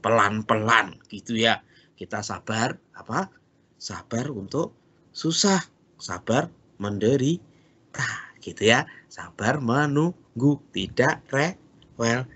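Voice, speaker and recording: A man teaching a kindergarten Bible lesson in an animated, sing-song way, spelling words out slowly. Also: medium pitch, breathy edge.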